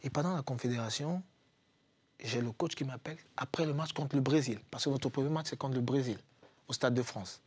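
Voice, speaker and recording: A man's voice: mid-range voice, a little fast, breathy edge. A man from Cameroon, a guest footballer, telling anecdotes in a casual chat and acting out what his coaches said. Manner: animated anecdotes, acts out quoted coaches. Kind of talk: casual storytelling.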